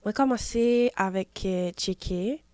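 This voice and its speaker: Slow and mellow, this woman's mid-range voice belongs to a singer in her twenties from Haiti. She's a guest in a casual interview, replying hesitantly in a Haitian French accent and using plenty of fillers. The recording is dry.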